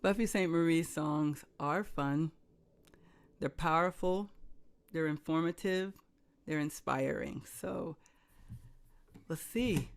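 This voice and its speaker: A woman folk singer chanting a gentle repetitive song, then speaking briefly to a concert audience. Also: low-pitched, slow pace, pauses often. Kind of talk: chant-like singing and stage talk. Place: live concert stage. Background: guitar.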